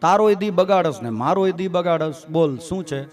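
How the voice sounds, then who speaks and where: A man's voice: high voice, lively intonation, normal speed, a little mellow, soft background music. Yashoda, a man doing a scolding mother. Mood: exasperated. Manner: scolding, dismissive. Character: irritated mother, adult woman, scolding.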